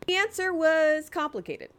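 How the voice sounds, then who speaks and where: Woman, animated pitch, podcast co-host, dry humor, joking asides. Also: normal speed. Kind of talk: scripted intro and casual chat.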